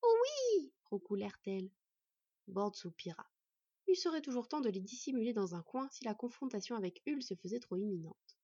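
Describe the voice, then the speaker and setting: A woman reading a fantasy story aloud in an expressive storytelling manner. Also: on the high side, fairly quick, breathy edge, dry recording. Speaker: audiobook reader. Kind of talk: scripted fantasy narration. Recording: dull lo-fi recording.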